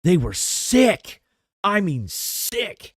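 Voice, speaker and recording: Extremely slow and slightly rough, this middle-aged man's high-pitched voice comes through a clean, dry studio recording. Co-hosting a podcast, he rambles through an animated casual chat, often starting over.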